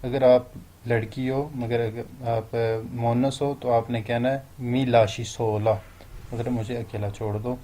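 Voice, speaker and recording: A man with a Pakistani Urdu accent teaching a lesson, explaining phrases step by step and slowing down to stress each foreign phrase. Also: medium pitch, steady tone, mellow. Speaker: language teacher.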